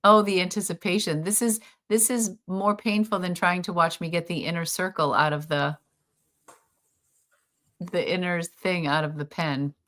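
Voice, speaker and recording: Low-voiced woman chatting enthusiastically. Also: fairly even intonation, normal speed, fairly bright tone. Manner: chatty, enthusiastic, laughs easily. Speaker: co-host. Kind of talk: casual live-stream chat.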